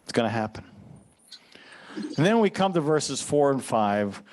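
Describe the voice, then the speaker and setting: A man's voice: medium pitch, sing-song, measured pace, darkish tone. A man preaching as a pastor, teaching earnestly and quoting scripture in a sermon.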